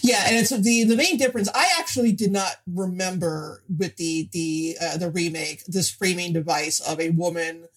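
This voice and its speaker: A woman co-hosting a podcast, discussing film casually in a halting way, repeating words as she explains. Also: fairly low pitch, steady tone. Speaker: podcast co-host.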